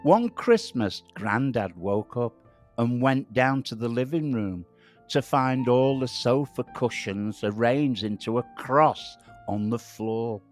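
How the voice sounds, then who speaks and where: A man co-hosting a comedy podcast, reading a spooky story in a lowered, mocking voice. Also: lively intonation, slow, soft background music. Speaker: co-host.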